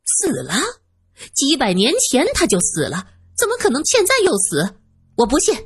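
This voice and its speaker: A woman's voice: medium pitch, very animated, normal speed, darkish tone, husky, no echo, studio quality. A woman doing a suspicious, domineering woman. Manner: probing, doubtful, commanding.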